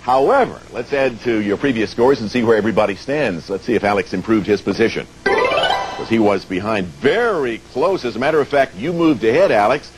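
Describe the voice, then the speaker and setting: A man's voice: on the low side, brisk, music in the background, low-quality recording. An American man hosting a TV game show, presenting to players and viewers and explaining things step by step. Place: TV studio.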